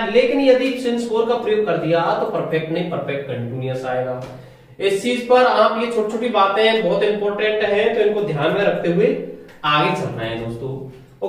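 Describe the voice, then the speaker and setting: A male teacher walks a class through a grammar lesson, posing questions and answering them himself. His voice sits high. It is picked up from across an echoey classroom, so it sounds distant and roomy. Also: fairly bright tone. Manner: explains step by step, often asks the class questions and answers them.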